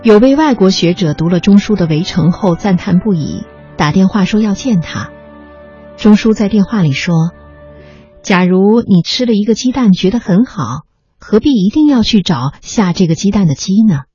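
Mellow, husky memoir narrator. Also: mid-range voice, lively intonation, normal speed. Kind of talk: reading a memoir aloud with background music. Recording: slightly muffled recording with faint music.

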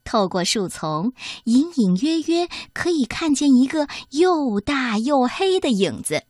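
A woman reading a children's picture book aloud, in an expressive, sing-song storytelling voice. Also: high voice, a little slow, dry recording, studio quality.

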